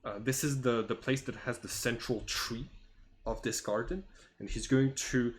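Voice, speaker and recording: A man working as game master, improvising the narration of a tabletop fantasy game and often searching for words in a halting way. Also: medium pitch, fairly even intonation.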